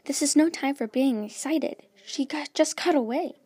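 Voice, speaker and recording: A woman voicing a frantic young village girl heroine in a storybook reading, with shrill, urgent outbursts. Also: little pitch movement, normal speed, dark tone, no room sound, close to an everyday voice. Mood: alarmed.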